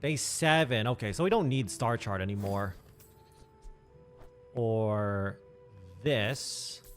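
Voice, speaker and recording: A man's voice: lowish voice, slow pace. A man streaming a game, thinking aloud and muttering asides in casual commentary, with faint music behind.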